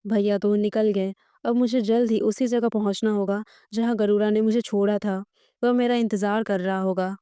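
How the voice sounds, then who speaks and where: A woman's voice: medium pitch, fairly even intonation, normal speed, warm tone, clear, resonant tone, dry recording, clean studio sound, close to an everyday voice. A woman voicing a proud young male snake guardian in human form who is brash and easily offended.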